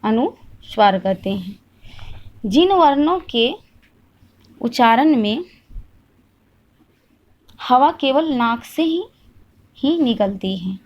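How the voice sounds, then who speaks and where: Woman, teacher, grammar lesson, slightly high voice, asks and answers own questions, repetitive. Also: expressive, lo-fi sound. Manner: asks questions and answers them herself, repeats slowly.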